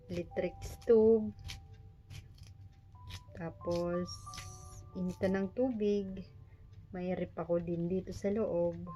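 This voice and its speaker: Her voice is lowish and mellow, captured in a rough recording. She's a Filipino vlogger in her forties with missing front teeth, casually preparing food in a small private room and cracking self-deprecating jokes to her viewers.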